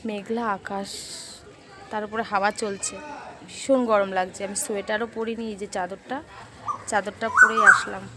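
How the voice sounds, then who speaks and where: A woman vlogging casually at home, talking quietly and gently coaxing her mother. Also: mid-range voice, background noise. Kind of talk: casual vlog chat. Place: at home with family.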